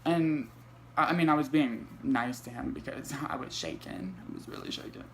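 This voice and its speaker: Young male vlogger, light voice, mid-pitched, animated and foul-mouthed storyteller. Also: moderate pace, vocal fry, a little hiss or hum. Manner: animated, profane storytelling with many fillers. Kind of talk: storytime vlog.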